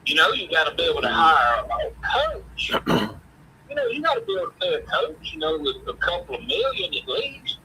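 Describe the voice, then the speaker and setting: A man's voice: a little high, huge pitch swings, normal speed, pushed and bright, a little hiss or hum, rough recording. A man with a folksy Southern drawl from Mississippi, chatting casually about sports as a show host.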